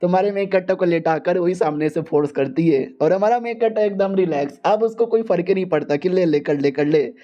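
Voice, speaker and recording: A man's voice: high-pitched, fairly quick, few pauses, mellow. Slangy joking male recap narrator. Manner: slangy, crude, joking asides. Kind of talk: casual storytelling recap. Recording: dull lo-fi sound.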